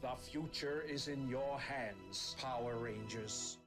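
Male actor as grave, wise mentor to young heroes, kids' superhero series, measured delivery, clear music underneath. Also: mid-range voice, close to an everyday voice. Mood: solemn. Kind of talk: live-action kids' superhero TV drama. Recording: music behind the voice.

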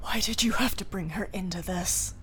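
A woman playing an intense, world-weary and protective woman in a screen drama, with a gravelly, creaky voice. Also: lowish voice, moderate pace, a bit bright, slight background noise, lightly acted. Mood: reproachful. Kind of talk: naturalistic screen drama acting.

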